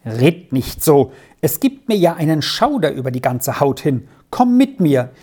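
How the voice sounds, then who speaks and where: A woman voicing a worried old housekeeper in a storybook reading, speaking in an anxious, pleading, softly urgent way. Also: low-pitched, big pitch swings, a little slow, slightly rough, full character voice.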